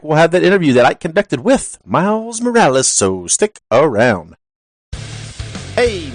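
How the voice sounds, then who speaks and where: A man hosting a wrestling podcast, reading show announcements and promos in a rambling way that corrects itself as it goes, speaking into a headset. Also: medium pitch. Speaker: podcast host.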